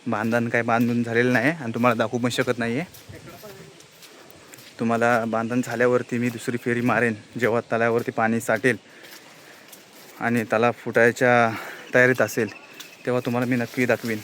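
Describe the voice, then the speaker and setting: A man's voice: medium pitch, completely flat delivery, normal speed, long pauses, fairly bright tone, slight background noise. A man giving a plain, explanatory tour of a village lake outdoors, filmed on a handheld phone. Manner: plain explanatory tour-guide talk, pointing things out. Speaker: village vlogger. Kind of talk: casual walk-and-talk vlog.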